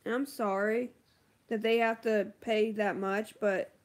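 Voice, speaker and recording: A woman's voice: mid-range voice, fairly even intonation, unhurried. A woman beauty vlogger chatting casually on a livestream, answering viewer comments with lots of ums and likes.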